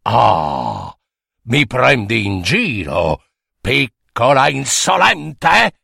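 A man voicing a proud, hairy storybook monster who makes loud, boastful threats. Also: medium pitch, huge pitch swings, extremely slow, gravelly, breathy edge, no room sound, studio quality, pitched below the performer's own voice, heavily acted. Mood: angry. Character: proud hairy monster, blustering and easily hurt.

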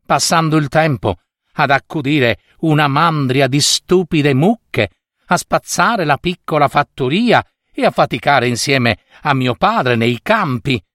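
A man's voice: a little high, expressive, measured pace, fairly bright tone, no echo, studio quality. A man doing a vain, whiny young girl. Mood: complaining. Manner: whiny, self-pitying complaints.

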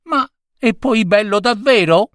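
A man's voice: expressive, a little slow, fairly bright tone, dry recording, studio quality. A man voicing a prim, disapproving elderly woman neighbor who speaks indignantly. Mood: doubtful. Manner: indignant, shrill.

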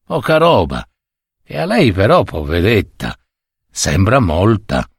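A man reading a story aloud, voicing a sly, toothless old servant who grumbles in a low, muttering voice. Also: wildly swooping pitch, slow pace, vocal fry, husky, dry recording, studio quality, full character voice. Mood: rueful.

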